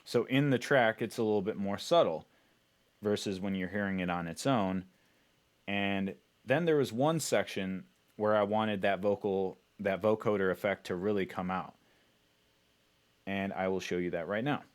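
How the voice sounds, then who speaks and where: In an informal tutorial, a music producer chats about his production work and explains how he does it. His voice is lowish and his speed is normal.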